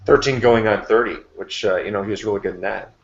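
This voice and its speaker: A man's voice: on the low side, fast talker, creaky, a little hiss or hum. A man hosting a casual movie chat, talking loosely with lots of fillers. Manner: loose, rambling, filler-heavy. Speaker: host of a live movie chat. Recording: roomy, dull lo-fi webcam audio.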